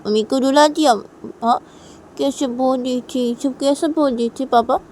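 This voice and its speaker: A woman's voice: sits high, steady tone, moderate pace, darkish tone, slight background noise, pitched above the performer's own voice, natural voice. A woman voicing a small daughter who pleads with her parents in a whiny, repetitive way, in a homemade story. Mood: upset pleading.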